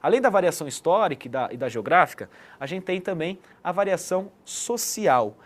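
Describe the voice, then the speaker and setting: High, animated and brisk, this man's voice carries an online teaching session where he explains things didactically. He checks in with the listener often, leaning on the tag question "né" again and again.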